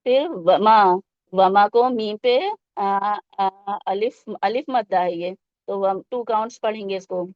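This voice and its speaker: Speaking at a medium pitch, a woman teaching Quran to children leads a slow-recitation tajweed lesson, explaining step by step with patience, asking questions, and dropping in English words. The lo-fi recording is dry and dull, with no room sound.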